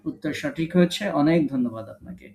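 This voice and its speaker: A man's voice: on the high side, fairly quick, creaky, roomy sound, noisy background. A man teaching a recitation class online, patiently correcting students and modeling short vowel sounds for them to repeat. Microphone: online video call.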